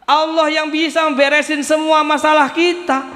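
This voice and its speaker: A man preaching a casual, joking mosque sermon in colloquial Jakarta-style slang, with lively acted asides. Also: very high-pitched, moderate pace, reverberant, in a large hall. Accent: Jakarta colloquial Indonesian. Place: mosque hall.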